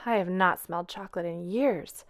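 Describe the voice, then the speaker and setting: A woman voicing a gentle, wistful mother in a storybook reading. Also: fairly low pitch, normal speed, natural voice. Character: warm, tired Dutch mother, woman.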